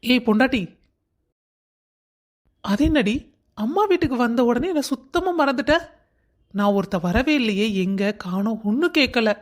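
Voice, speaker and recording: A woman's voice: on the high side, lively intonation, normal speed, long pauses, close to an everyday voice. A woman voicing a caring young cartoon husband. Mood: reassuring. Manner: warmly teasing, reassuring. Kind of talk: Tamil cartoon voice acting.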